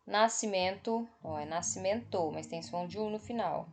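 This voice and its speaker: A Brazilian woman teacher giving a slow, patient online spelling lesson for children, repeating each word and checking in with the class as she marks them on screen. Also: lowish voice, mellow. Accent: Brazilian Portuguese.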